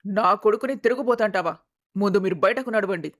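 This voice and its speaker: A woman's voice: medium pitch, brisk, natural voice. A woman voicing a proud, scheming older mother-in-law who orders people out of her house. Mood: haughty anger. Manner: haughty, commanding. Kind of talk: storybook voice acting.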